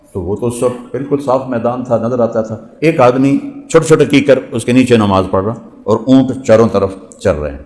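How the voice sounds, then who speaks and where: A man's voice: on the low side, a little mellow. A man delivering a storytelling sermon with dramatic delivery, voicing the characters himself. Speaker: preacher. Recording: reverberant hall echo.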